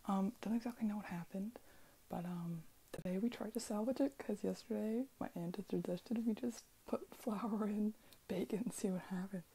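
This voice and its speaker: A woman giving a soft, hesitant whispered update on her cooking. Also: mid-range voice, normal speed, husky, poor audio. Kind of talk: whispered late-night vlog update.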